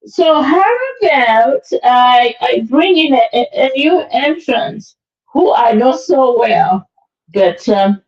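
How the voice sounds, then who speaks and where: A woman hosting a podcast in a casual, halting way with many fillers. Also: on the high side, expressive, a little mellow, lo-fi sound. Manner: halting, full of fillers, laughs easily. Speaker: podcast host.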